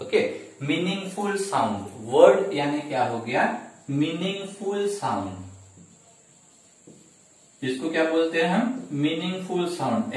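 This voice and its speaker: A male teacher giving an exam-prep grammar lesson, repeating each point and asking and answering his own questions, often saying "okay". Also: on the high side. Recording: very echoey room, mic far off.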